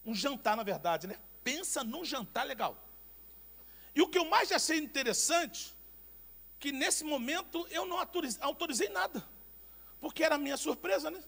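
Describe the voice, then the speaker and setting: A Brazilian man preaching a sermon as pastor, telling personal anecdotes in an animated, emphatic way with repeated words. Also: very high-pitched, moderate pace, vocal fry. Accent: Brazilian Portuguese.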